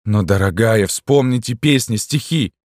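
A desperate young man in love , as a male reader plays him, pleading urgently and raised well above the reader's deep voice. The recording is dry and close. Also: a little slow, darkish tone, dry recording, lightly acted.

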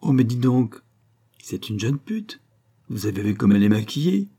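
A man's voice: medium pitch, sing-song, normal speed, dark tone, slightly rough. A man voicing a crude, sardonic coroner with glib, sneering remarks.

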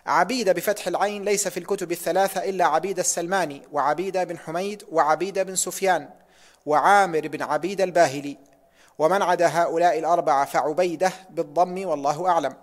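A man's voice: on the high side, fairly even intonation, fast talker. A man reading a hadith text aloud in a lesson, careful and precise, closing sections with pious formulas.

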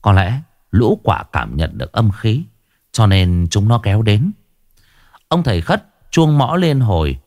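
A man narrating a ghost story in a dramatic, expressive reading. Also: medium pitch, no room sound, clean studio sound.

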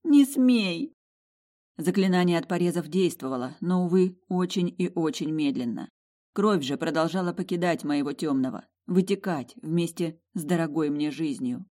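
A woman narrating a first-person fantasy audiobook in an emotive, expressive way. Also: sits low, normal speed.

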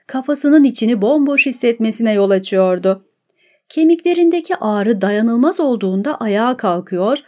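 Woman, audiobook narrator, steady measured reading, somewhat high voice. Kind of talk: scripted narration.

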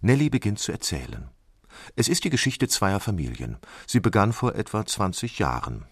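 Deep-voiced male narrator, dry sound. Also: huge pitch swings, moderate pace, husky, no room sound. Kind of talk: documentary narration.

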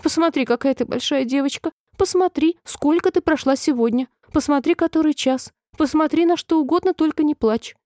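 A woman's voice: fairly high pitch, normal speed, no room sound, clean studio sound, pitched above the performer's own voice. A woman reading a storybook, voicing a fretful, whimpering old queen who breaks into squealing cries. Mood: wailing. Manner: wailing, squealing cries, then oddly calm.

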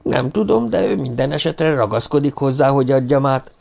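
A man's voice: mid-range voice, expressive, vocal fry, a little mellow, voice pushed up. A man voicing a loyal, aging male assistant who answers deferentially, in an audiobook reading. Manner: deferential, explaining.

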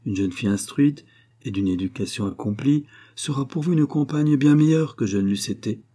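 A man's voice: medium pitch, normal speed, warm tone, breathy edge, lightly acted. A man voicing a proud, wounded young aristocratic widow who speaks in a pleading, bitter way. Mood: bitter, wistful.

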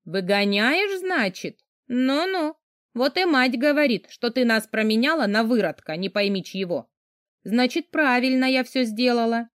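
A woman's voice: a little high, expressive, unhurried, a bit bright, dry recording, clean studio sound. A woman voicing a cold, smug younger sister who talks in a mocking, sneering way.

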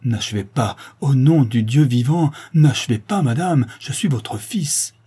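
A man's voice: fairly low pitch, animated, moderate pace, mellow, husky. A man reading an audiobook, voicing a young nobleman who answers his mother in a cold, restrained and solemn way. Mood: hushed. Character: grave, stern young nobleman, a shamed son.

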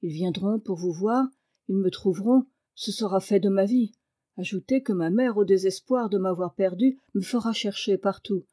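A woman's voice: mid-range voice, moderate pace, mellow, lightly acted. A woman voicing a young, frightened noble girl who speaks in a worried, hesitant way. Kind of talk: read-aloud fairy tale.

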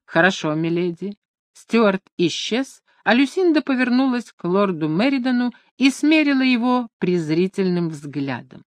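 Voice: mid-range voice, very animated, a little slow, hardly any pauses, no echo. Dry, close audiobook narrator. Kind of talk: scripted narration of a romance novel.

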